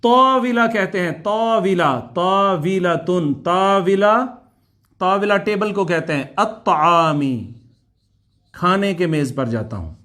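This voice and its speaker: Guy teaching arabic, high voice, says each word slow and again and again. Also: expressive, pushed and bright. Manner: slow, repeats Arabic words many times for drilling; explains in Urdu, asks students to repeat aloud. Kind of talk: online class lecture.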